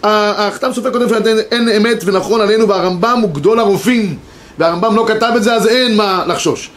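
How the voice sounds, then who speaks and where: High-voiced rabbi teaching a class. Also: male voice, a bit bright. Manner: explains, reads sources aloud, checks in with students. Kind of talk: Torah class lecture. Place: classroom with students.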